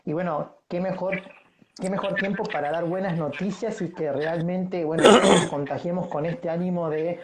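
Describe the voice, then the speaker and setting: A man with an Argentine Spanish accent hosts a casual livestream interview, speaking slowly in a friendly way with many fillers. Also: high-pitched, steady tone, noisy background. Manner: friendly, slow-paced, filler-heavy. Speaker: livestream host.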